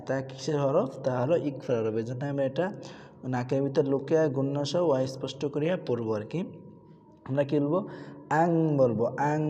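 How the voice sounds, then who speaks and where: A man's voice: on the high side, dark tone, long reverb tail, muffled recording. A man teaching Quran reading rules, asking questions and answering them himself, with repeated drills of syllables. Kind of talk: tajweed lesson with recitation drills.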